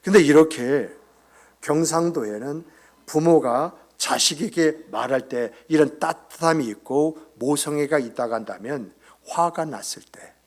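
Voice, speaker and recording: A male pastor giving a Sunday sermon in a church, talking conversationally, quizzing the congregation and dropping into whispered asides. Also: a little high. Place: church sanctuary.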